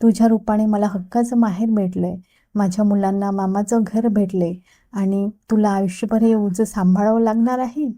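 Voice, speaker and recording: A woman's voice: medium pitch, fairly even intonation, moderate pace, dark tone, close to an everyday voice. A woman voicing a playful, insistent young woman who teases her brother, read in an audiobook. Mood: teasing. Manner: teasing and insistent. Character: young woman, teasing playful sister figure.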